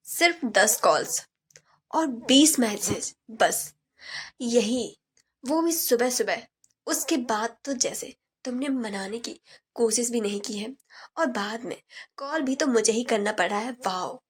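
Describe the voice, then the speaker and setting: A woman voicing a quick-tempered young fiancée who scolds sarcastically. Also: a little high, breathy edge.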